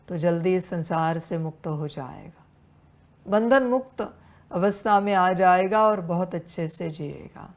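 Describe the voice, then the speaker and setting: A woman preaching a devotional sermon in a slow, unhurried way, with a voice that sits a little low. She addresses her listeners as children and returns again and again to rhetorical questions and refrains. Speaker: spiritual teacher.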